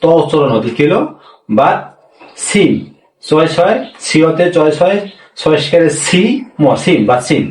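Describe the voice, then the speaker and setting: Male language teacher, slightly high voice, patient and repetitive, roomy sound set back from the mic. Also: expressive, recorded from a distance. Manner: slow, repeats each point, asks questions and answers them himself. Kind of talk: spoken language lesson.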